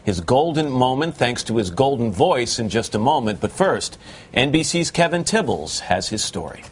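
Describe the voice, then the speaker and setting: A male morning TV host presenting news and asking a guest brisk, friendly, direct questions. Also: mid-range voice, big pitch swings, slightly rough.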